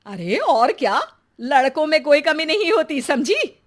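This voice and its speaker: Cartoon saas, nags loudly, fairly high voice, voiced by a woman. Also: big pitch swings, normal speed. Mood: nagging. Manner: nagging, loud. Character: nagging mother-in-law wanting a grandson.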